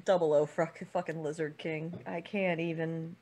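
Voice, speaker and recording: A man with a somewhat high voice plays a tabletop game. His talk is casual, like chat among friends. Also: flat delivery, normal speed, crowd noise.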